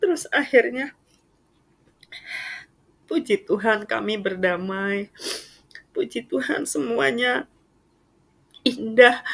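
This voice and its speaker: Middle-aged woman with a husky voice, telling a church testimony casually. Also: a little high, slow pace, long pauses. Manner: lively storytelling with casual fillers. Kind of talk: personal testimony.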